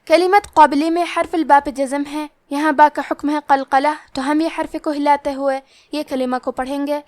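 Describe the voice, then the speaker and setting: High-voiced woman teaching Quran recitation. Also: steady tone, darkish tone, no echo. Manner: explains rules plainly, then recites words slowly and drawn out. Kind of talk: tajweed lesson with slow recitation.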